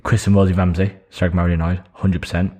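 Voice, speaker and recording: Low-voiced man, teasing banter. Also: level tone, fast talker, a little mellow, slightly rough. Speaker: podcast co-host. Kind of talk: casual chat.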